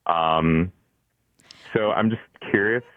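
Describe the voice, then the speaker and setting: A man's voice: low voice, takes it slowly, no room sound. A young man giving a thoughtful, conversational explanation on a talk show. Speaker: guest commenter, recent graduate. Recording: dry, narrow phone-like radio sound.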